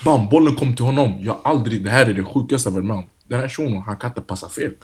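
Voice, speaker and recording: A young man, a football player being interviewed, telling stories casually with lots of fillers and slang, and growing animated when he acts out what others shouted. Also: lowish voice, a little hiss or hum. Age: young adult. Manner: relaxed, animated when retelling, heavy "du vet" fillers and street slang. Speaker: youth football player, guest.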